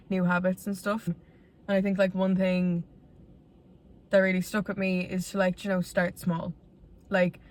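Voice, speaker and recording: A woman in her twenties speaks with a west of Ireland accent in a fairly low voice. She talks like a vlogger confiding in her viewers, casual and candid. Her delivery is conversational and rambling, with a self-deprecating streak. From Galway, Ireland. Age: 20s.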